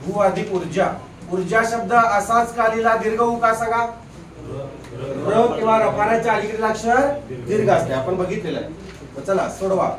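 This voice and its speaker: A man's voice: sits high, moderate pace, fairly bright tone, far from the mic, a little hiss or hum. A man teaching a grammar lesson in a classroom, drilling students with repeated questions and teasing them now and then. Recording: echoey room, voice off-mic.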